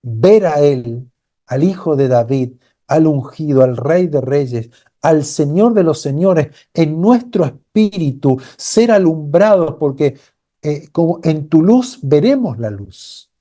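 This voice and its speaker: A man's voice: fairly high pitch, animated, slow pace, dark tone. A man preaching a sermon as pastor, earnest and building to fervent cries. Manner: acts out quoted voices of a blind beggar crying out.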